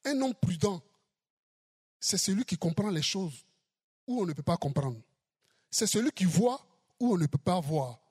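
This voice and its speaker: Preacher, sermon delivery, deliberate pace, lively rising and falling pitch, repeats for emphasis. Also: husky. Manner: slow, emphatic, repeats key phrases.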